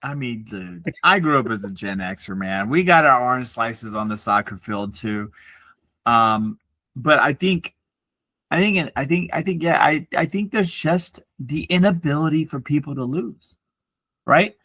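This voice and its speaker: A man's voice: medium pitch, measured pace, no echo. A man in his forties co-hosting a podcast, ranting and telling stories with lots of swearing. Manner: profane, ranting, animated storytelling. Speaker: podcast co-host. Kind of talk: casual chat.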